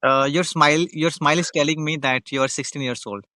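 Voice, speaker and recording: A man's voice: on the high side, steady tone, brisk, bright, forceful tone, dry recording, studio quality. A man from India with an Indian English accent, hosting a friendly, teasing English practice chat over a video call and repeating his questions. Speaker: conversation practice host.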